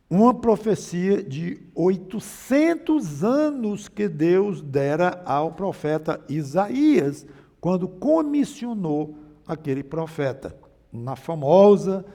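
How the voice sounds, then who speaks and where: A man's voice: on the high side, a little mellow, big-room sound. A man preaching a sermon with a Brazilian Portuguese accent, emphatic, often shifting his volume and pace. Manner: emphatic, varies volume and pace, mimics mocking voices.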